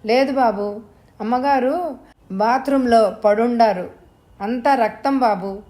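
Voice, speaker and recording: A woman's voice: a little high, normal speed, a little mellow, close to an everyday voice. A woman voicing an old servant, tearful. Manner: rustic village speech, pleading. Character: old male servant, distressed and loyal.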